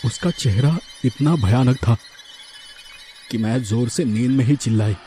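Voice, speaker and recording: A man narrating a horror story in a slow, measured, hushed way. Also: mid-range voice, background noise.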